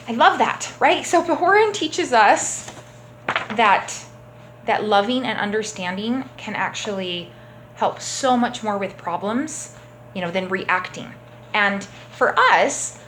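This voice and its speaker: A woman teaching a children's church class, telling a story gently and often checking in with the kids. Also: medium pitch, slight background noise, rough recording. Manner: gentle, encouraging, checks in with "okay?".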